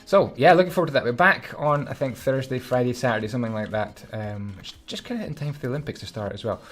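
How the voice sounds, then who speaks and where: A man's voice: mid-range voice, fast talker. Chatty Scottish man narrating a build. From Scotland. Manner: chatty, hums and mutters while concentrating. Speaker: Minecraft YouTuber. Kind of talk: casual build commentary.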